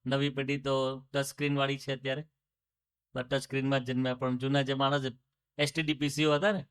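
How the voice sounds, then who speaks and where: A man's voice: mid-range voice, level tone, brisk, clear, resonant tone. A man with a Gujarati accent, giving a spiritual discourse to devotees. He tells stories, asks rhetorical questions, and drops English phrases into his talk. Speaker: religious speaker.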